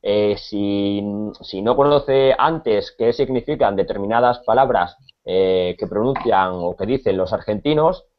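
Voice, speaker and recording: A man from Spain with a Spanish accent, teaching a conversational Spanish lesson, pausing often with repeated words and fillers. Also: fairly low pitch, highs cut off.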